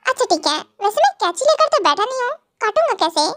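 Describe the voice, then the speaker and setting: A woman's voice: very high-pitched, big pitch swings, fast talker, fairly bright tone, no room sound, studio quality, heavily acted. A woman voicing a playful, teasing young husband in a fan audio drama, joking and calling his wife baby. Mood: puzzled.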